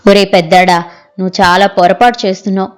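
A woman's voice: mid-range voice, level tone, quick pace, clear, resonant tone, faint music behind, natural voice. A woman voicing an older mother who earnestly pleads with her son in a storybook reading. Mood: scolding.

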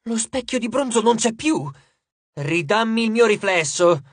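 A self-obsessed handsome young man from an audiobook, haughty and petulant, as a male narrator puts him on. His pitch swings widely as he whines and boasts, in a dry, close recording. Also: sing-song, moderate pace, fairly bright tone, slightly rough, dry recording, exaggerated voice.

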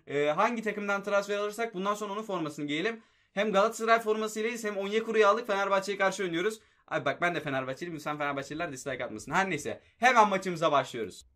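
A young man giving live commentary on his football video game, excitable and prone to frustrated outbursts, with keys clicking behind him. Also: high-pitched, fast talker. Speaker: gaming YouTuber.

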